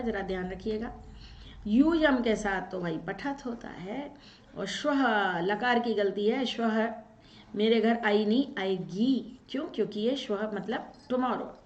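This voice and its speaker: A woman teacher walks through an exam paper, putting questions to the class and answering them herself. Her voice sits a little high. The recording is dull and a bit lo-fi, with an echo from the room. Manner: explains step by step, asks and answers her own questions. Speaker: Sanskrit teacher. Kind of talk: exam-paper walkthrough lesson.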